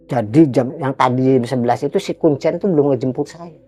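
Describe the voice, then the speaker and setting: A man telling a host about his own experience, emphatic and dramatic, jumping between loud outbursts and hushed murmurs. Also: mid-range voice, fairly quick. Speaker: guest recounting a personal experience. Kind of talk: animated storytelling to a host.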